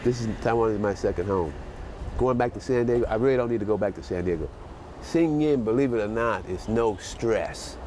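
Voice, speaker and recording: An older retired man being interviewed outdoors, talking in a reflective, halting way with restarts. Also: fairly low pitch, a little mellow, slight background noise. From United States. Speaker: retired volunteer English teacher. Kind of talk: documentary interview.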